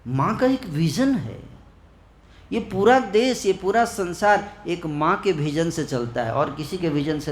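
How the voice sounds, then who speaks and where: A man's voice: a little high, echoey room. A male preacher giving a festival sermon, telling a story and repeatedly quizzing his live audience with short questions. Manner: storytelling, acts out quoted lines. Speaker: ISKCON preacher. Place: indoor festival hall.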